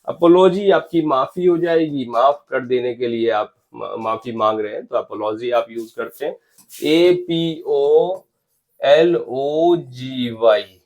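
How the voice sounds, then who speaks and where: With a medium-pitched, slightly mellow voice, a man gives an exam-prep lecture on English spelling. He spells words out letter by letter and urges viewers to leave comments.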